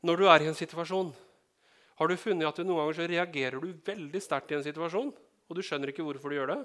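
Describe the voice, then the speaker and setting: A man's voice: on the high side, fairly bright tone. A man from Norway preaching a sermon in a conversational way, checking in with the congregation and adding joking asides. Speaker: pastor.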